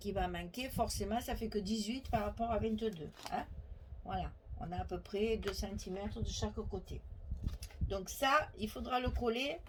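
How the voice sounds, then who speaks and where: A woman's voice: on the high side, slight background noise, low-quality recording. A woman with a Provençal French accent hosting a chatty, step-by-step scrapbooking tutorial, thinking aloud and correcting herself as she goes.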